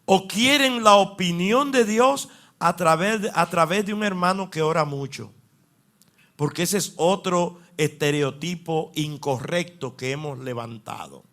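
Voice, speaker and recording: A man's voice: sits high, a little slow, fairly bright tone. A man preaching a sermon to a congregation, asking them questions and pushing his voice up for emphasis. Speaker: pastor.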